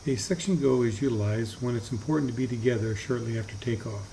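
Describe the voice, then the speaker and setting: Male tutorial narrator, measured and methodical, formal scripted teaching, middle pitch, light background noise. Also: mellow, low-quality recording. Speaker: flight simulator instructor.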